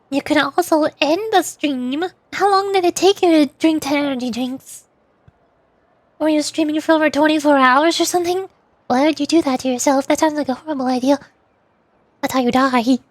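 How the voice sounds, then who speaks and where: In a dry, echo-free recording, a high-voiced woman hosts a VTuber livestream, playing a game while chatting casually and playfully with her viewers. She giggles and teases as she goes.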